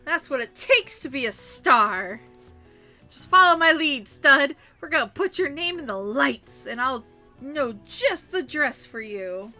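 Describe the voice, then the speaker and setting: A woman's voice: sits high, animated, unhurried, sharp tone, soft background music, exaggerated voice. A woman voicing a flamboyant, sassy drag queen in a video game, flirty, campy and drawling. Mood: gushing, theatrical.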